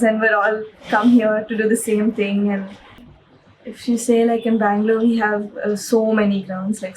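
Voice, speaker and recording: A woman's voice: medium pitch, slight background noise, poor audio. A woman from India, a football player answering interview questions in a chatty way, often searching for words.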